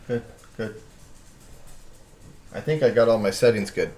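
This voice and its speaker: A man's voice: on the low side, measured pace, darkish tone, roomy sound. A man chatting casually on his live art stream, rambling and often breaking off mid-sentence with chuckles.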